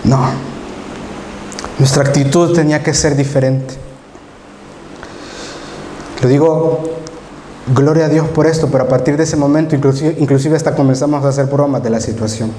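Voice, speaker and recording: Warm Salvadoran preacher in an echoing hall. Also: male voice, on the high side, steady tone, moderate pace, pauses often. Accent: Salvadoran Spanish. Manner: emotional storytelling, acts out his own past pleas. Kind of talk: sermon. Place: church hall. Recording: roomy hall reverb, faint background noise.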